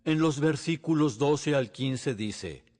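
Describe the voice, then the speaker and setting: A man's voice: on the high side, slow pace, darkish tone, long reverb tail. A male pastor preaching earnestly, often asking the congregation rhetorical questions. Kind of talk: sermon. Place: church sanctuary.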